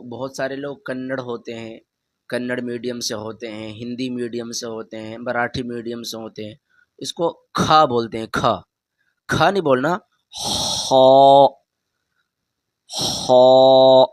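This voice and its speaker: Teaching beginners to read the Quran, this man speaks at a medium pitch with fairly even intonation, patiently stretching and projecting each letter sound. He addresses the learner directly and repeatedly asks them to repeat after him. The audio is close and dry, without room echo.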